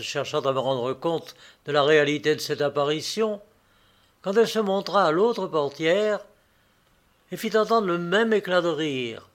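A man's voice: a little high, a bit bright. Man reading a literary tale. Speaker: narrator.

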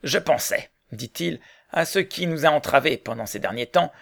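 An earnest middle-aged mill owner argues his case in a measured, serious way, as a man reads him aloud. The voice is heavily gravelly with a rough, creaky edge. It plays out like an audiobook scene. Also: fairly high pitch, lively intonation, fairly bright tone, no room sound, studio quality.

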